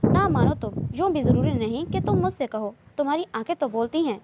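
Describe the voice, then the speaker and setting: A woman's voice: high-pitched, animated, fairly quick, muffled recording, heavy background noise. A woman reading a romance novel aloud, voicing a playful, insistent young man who courts his cousin. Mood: teasing, tender. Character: teasing, loving young man, cousin and suitor.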